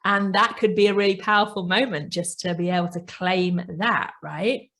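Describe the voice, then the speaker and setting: A woman hosting a reflective self-help podcast. She talks gently and often checks in with "right?". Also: mid-range voice, steady tone, normal speed. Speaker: podcast host and coach.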